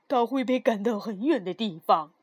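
A woman voicing little forest dwarves who speak slowly and ominously as they cast a curse in a storybook. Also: fairly high pitch, animated, husky, pitched below the performer's own voice.

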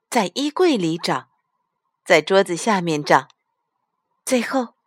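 Casting: a woman reading a bedtime story, gentle and unhurried, with a dry close-up sound. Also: mid-range voice, no echo. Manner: gentle, deliberate.

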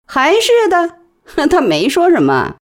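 A woman voicing a teasing, jealous young wife who needles her husband, rising high in pitch. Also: huge pitch swings, slow, exaggerated voice.

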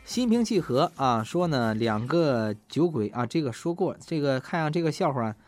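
A man's voice: mid-range voice, lively intonation, normal speed, a little mellow, faint music behind. A man hosting a show, reading listener messages in a jokey, chatty way and laughing often. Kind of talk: casual chat.

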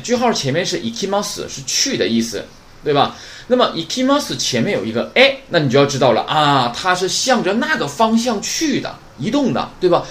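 A man's voice: a little high, a little hiss or hum. A man from northeast China who teaches Japanese grammar in a podcast lesson, often asking the listeners questions and then answering them himself.

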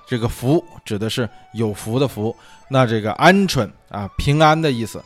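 Chatty man musing over soft music. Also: medium pitch. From China. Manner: chatty, musing, many fillers. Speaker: podcast host. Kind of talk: casual solo talk. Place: lives abroad.

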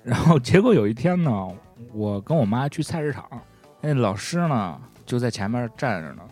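A man co-hosts a podcast, spinning an anecdote in an animated, chatty way. His voice sits in an ordinary middle register. Soft music plays faintly underneath. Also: mid-range voice, moderate pace. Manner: chatty, animated anecdote-telling with frequent "you know?". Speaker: podcast co-host. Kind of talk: casual storytelling chat.

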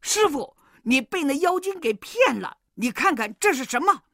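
A brash, fiery monkey king, as a woman storyteller puts him on, yelling in a piercing high voice. He swings wildly up and down in pitch. It is a children's storybook reading. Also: big pitch swings, moderate pace, no echo, clean studio sound, exaggerated voice. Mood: urgent. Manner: shrill shouting.

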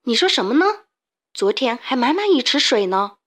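A woman's voice: high voice, sing-song, moderate pace. Woman doing a sure young chick boy.

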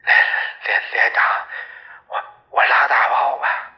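A man's voice: on the high side, slow pace, creaky, dull audio, voice pushed up. A man voicing a frightened male servant who stammers and begs tearfully. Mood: pleading.

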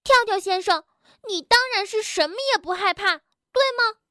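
A woman voicing a timid, excitable male rabbit in a children's storybook, with a squealing, flustered and whiny manner. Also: extremely high pitch, slow, no room sound, clean studio sound, full character voice. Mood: indignant.

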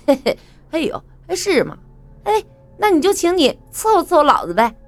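A woman's voice: very high voice, sing-song, moderate pace, soft background music, pitched above the performer's own voice, exaggerated voice. A woman voicing two sneering young male thugs in a spoken story, with a mocking manner.

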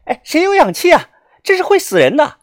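A woman's voice: on the high side, very animated, a little fast, dry recording, studio quality, pitched above the performer's own voice. A storyteller voicing a young woman doctor in her twenties who speaks in an urgent, commanding way.

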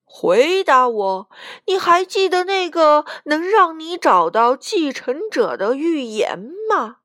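Woman voicing a booming old ghost storyteller. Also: big pitch swings, fairly bright tone, no room sound, studio quality, exaggerated voice. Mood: solemn. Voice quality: deep. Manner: slow, commanding, booming. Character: old ghost uncle, grand legendary storyteller.

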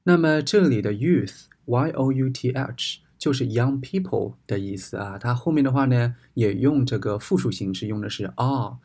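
A man's voice: medium pitch, normal speed, hardly any pauses, warm tone, slightly rough. A Chinese man, a native Chinese speaker, teaching English words in Mandarin and spelling them out letter by letter. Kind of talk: explaining an English news text in Chinese.

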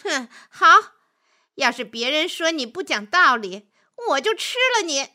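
A woman's voice: high-pitched, sing-song, a little slow, pushed and bright, pitched above the performer's own voice, exaggerated voice. A woman voicing a hungry, brazen male wolf in a children's storybook, with a mocking, pushy manner.

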